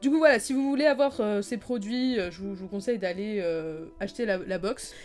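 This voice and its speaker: A young woman in her late teens talks through an unboxing vlog in a loose, chatty way. She rambles, restarts her sentences and fills gaps with little hesitations, her voice sitting at a middling pitch. Faint music plays underneath. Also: fairly quick. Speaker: YouTuber.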